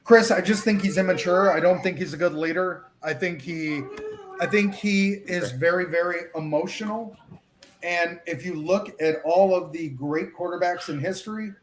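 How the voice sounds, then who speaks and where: A man's voice: sits high, moderate pace. A man in a casual sports debate, argumentative and often stumbling over his words. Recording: echoey room, faint background hum.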